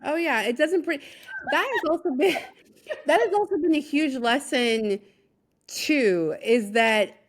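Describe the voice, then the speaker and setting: A woman hosting a podcast interview, chatting casually, nodding along with frequent "mm-hmm" and "yeah" and speaking in an animated way. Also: high voice, a little slow. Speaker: podcast host.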